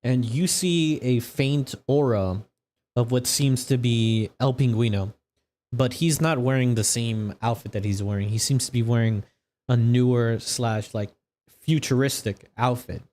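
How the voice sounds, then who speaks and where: A man working as game master, improvising narration for a tabletop game in a loose, halting, conversational way. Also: medium pitch, a little mellow.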